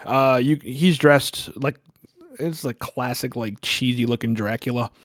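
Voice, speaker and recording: A man's voice: mid-range voice, measured pace, no room sound, studio quality. A man narrating a horror tabletop game as game master, rambling and swearing casually.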